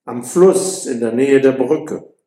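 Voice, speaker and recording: A man's voice: mid-range voice, slow pace, warm tone, roomy sound, close to an everyday voice. A man reading an audiobook voices a cautious young friend who speaks in a dry, matter-of-fact way. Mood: knowing.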